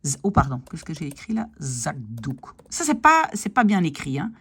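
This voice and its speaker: In a brisk, very animated, medium-pitched voice that's fairly bright with a breathy edge, a woman teaches pronunciation. She patiently repeats sample words one by one, frequently checking understanding with "d'accord?" and "ok?".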